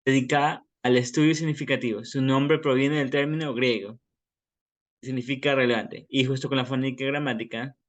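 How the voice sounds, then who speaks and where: A man with an Ecuadorian accent giving a class presentation, explaining informally with everyday examples. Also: mid-range voice. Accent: Ecuadorian Spanish.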